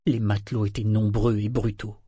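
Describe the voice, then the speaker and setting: A man narrating an audiobook novel in a measured, even storytelling manner. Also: lowish voice, breathy edge, no room sound, clean studio sound. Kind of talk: scripted narration.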